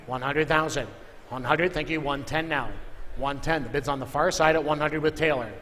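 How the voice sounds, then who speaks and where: The clip features a man auctioneering in a big indoor auction room, chanting repeated figures and calling for bids. His voice sits on the high side, fairly bright and fairly even, at a moderate pace, with hall echo and clear background noise.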